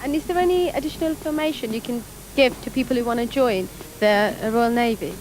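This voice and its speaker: High-voiced woman presenter asking questions. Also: fast, darkish tone, slight background noise, poor audio. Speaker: TV programme presenter, interviewer. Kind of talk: interview questions.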